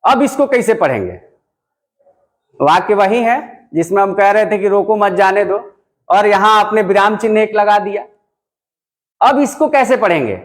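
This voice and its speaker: A man teaching a classroom lesson, explaining step by step and repeating points for emphasis, with a Bihari Hindi accent. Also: high voice. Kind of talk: classroom lecture. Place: classroom with a writing board.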